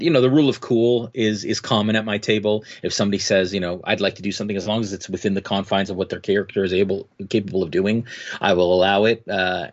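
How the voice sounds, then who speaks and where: Low-voiced man, rambling interview guest. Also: dull audio. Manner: rambling, many fillers and restarts. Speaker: guest, game master. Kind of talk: casual interview talk.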